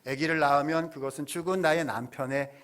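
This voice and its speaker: Young widow, tearful, pleading, done by a man, mid-high voice. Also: steady tone, a little fast, a bit bright, lightly acted. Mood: earnest.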